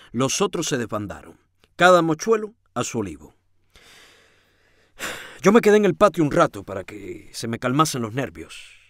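A man's voice: mid-range voice, no echo, studio quality. Theatrical male audiobook reader. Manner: theatrical, swings from hushed to shouting. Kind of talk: dramatic first-person novel reading.

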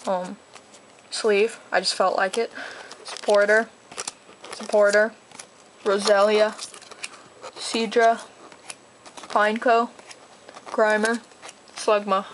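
A teenage girl chatting casually while opening trading card packs, talking fast and rambling excitedly. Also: medium pitch, slight background noise, poor audio. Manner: gushing, excitable. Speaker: card collector vlogger. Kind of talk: casual unboxing chat.

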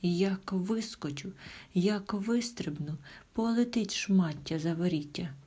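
A woman's voice: mid-range voice, takes it slowly, mellow, slightly rough. A woman voicing a sly, cheeky female fox who brags in a sing-song, half-whispered way in a storybook tale. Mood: sly bragging.

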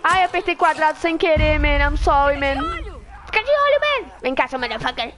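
A young Brazilian woman giving excitable, laughing live commentary as she plays a video game, hushing her viewers in mock drama and mixing in English words. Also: high voice, normal speed. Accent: Brazilian Portuguese. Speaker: streamer playing a video game. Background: game music playing.

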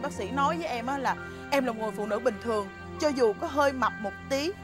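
Brief: quick, high Southern Vietnamese woman, melodramatic wife, music behind. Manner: complaining, dramatic. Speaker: wife in a skit. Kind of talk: comedy skit acting.

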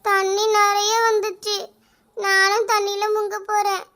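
A woman voicing a small, frightened girl in a cartoon, crying and calling slowly for help. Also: extremely high pitch, monotone, pushed and bright, full character voice.

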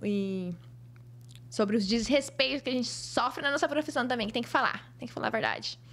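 A young Brazilian woman with a high, bright voice tells stories at a rapid clip. She talks casually as a podcast guest, lively and expressive. Her Brazilian Portuguese accent shows throughout. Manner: lively, expressive, acts out other people's voices. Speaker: guest, fashion model. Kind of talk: casual storytelling in a podcast interview.

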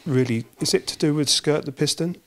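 A man's voice: fairly high pitch, brisk. Enthusiastic English man interviewing in a workshop. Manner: enthusiastic, prompting with tag questions. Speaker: channel host interviewing a mechanic. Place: indoor motorcycle workshop. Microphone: handheld microphone with windscreen.

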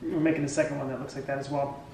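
A man's voice: mid-range voice, level tone, racing, vocal fry, reverberant, over loud music, poor audio. A man in his forties hosting a casual DIY vlog, talking his way through a woodworking build in his garage. He rambles a little, with lots of ums and restarts. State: tired. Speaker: DIY channel host. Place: garage workshop, indoors.

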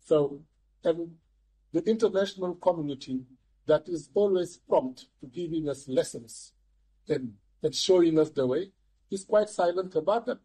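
An older man speaking as an economist guest in a studio interview, measured and restarting his words often. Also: on the high side, warm tone, husky, rough recording. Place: TV studio, seated in armchair.

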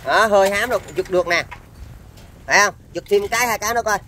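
A man's voice: high voice, fast, pushed and bright, a little hiss or hum. A man with a Southern Vietnamese accent giving an informal sales demonstration of used machinery, in chatty, repetitive patter.

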